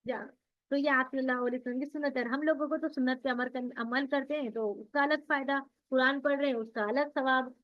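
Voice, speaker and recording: Brisk and high-pitched, with fairly even intonation, a woman teaches Quran recitation rules to an online class. She explains patiently and handles her own questions and answers. The recording is dull and lo-fi.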